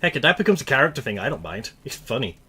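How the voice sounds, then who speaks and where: A man's voice: medium pitch, big pitch swings, racing, pushed and bright, breathy edge. Chatty young man streaming a game. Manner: rambling and chatty, laughs at himself. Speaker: gaming streamer. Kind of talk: casual gameplay commentary.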